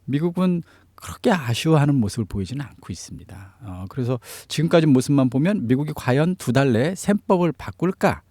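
A man's voice: medium pitch, lively intonation, fairly quick, hardly any pauses, dark tone, no echo. A man giving explanatory analysis as a political commentator in an interview, stressing key phrases. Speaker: news commentator on North Korea affairs.

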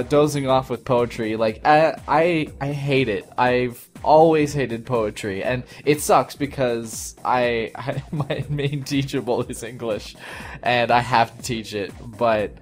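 A young man giving casual gameplay commentary, rambling with many restarts and chuckles. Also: mid-range voice. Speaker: let's play commentator. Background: faint game music.

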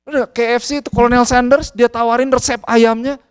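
A man with an Indonesian accent preaching a sermon in a lively way, acting out bits of dialogue and slipping into English phrases. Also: very high-pitched, fairly quick, smooth. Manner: animated, mixes in English phrases, acts out dialogue. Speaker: pastor.

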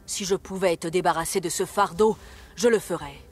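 A woman's voice: on the low side, moderate pace, close to an everyday voice. Stern old mouse uncle, curt and scolding, game music behind, put on by a woman narrator. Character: stern elderly male mouse uncle, protective.

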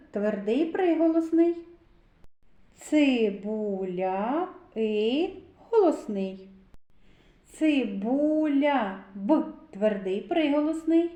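A woman teaching a recorded literacy lesson to preschoolers, speaking slowly and clearly and drawing out words syllable by syllable. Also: a little high, dark tone, reverberant. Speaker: kindergarten teacher.

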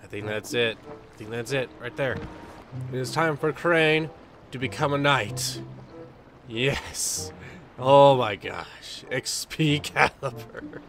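A man narrating a video game as he plays, reacting loudly, swearing and laughing. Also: mid-range voice, slow pace, faint music behind. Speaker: gaming YouTuber. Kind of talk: let's play commentary.

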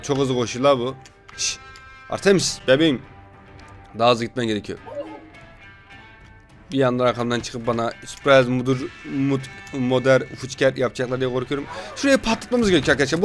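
A man's voice: mid-range voice, a bit bright. A sleep-deprived man giving casual, playful gameplay commentary as a gaming YouTuber, joking with his viewers.

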